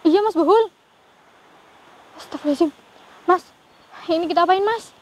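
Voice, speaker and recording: Very high-voiced woman, fearful and prayerful. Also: moderate pace, slight background noise, low-quality recording. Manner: fearful, praying aloud often. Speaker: ghost-hunting vlogger. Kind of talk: live paranormal investigation vlog.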